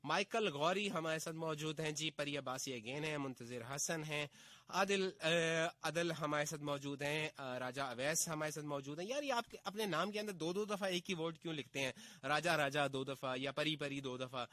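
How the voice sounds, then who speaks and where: A male radio host with a Pakistani Urdu accent, reading out listener messages in a casual, friendly way. His voice is bright and forward and sits a little high for a man. The sound is dry and close, like a studio mic. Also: moderate pace, dry recording. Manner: friendly, greets listeners by name one after another.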